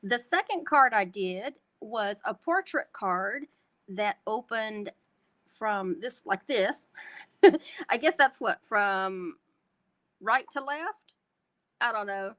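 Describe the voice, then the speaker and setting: Speaking slowly and expressively at a medium pitch, a woman from North Texas leads a chatty live card-making tutorial. Her voice is a bit bright, carries a Texan Southern twang, and she addresses her viewers as y'all.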